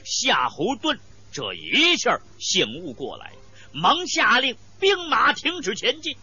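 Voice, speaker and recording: A woman telling an old war tale in a traditional storyteller's manner, dramatic and emphatic. Her delivery is slow and swoops widely in pitch, with a bright tone. Faint music plays behind a slightly dull recording. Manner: dramatic, emphatic, with sound words.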